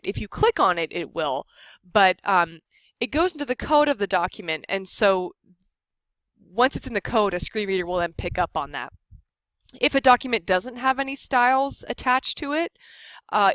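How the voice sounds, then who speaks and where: Teaching software to a live group, an American woman speaks at a medium pitch in a relaxed, conversational style. The audio is dry, with almost no room in it, and rough.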